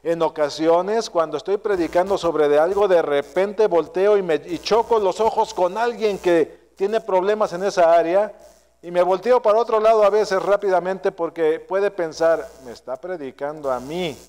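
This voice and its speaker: A man's voice: normal speed, clean tone. Earnest preaching man, church hall echo. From Mexico. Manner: earnest, self-correcting preaching, voice dropping low and soft at line ends. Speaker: pastor. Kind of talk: sermon. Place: church sanctuary. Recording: long hall reverb.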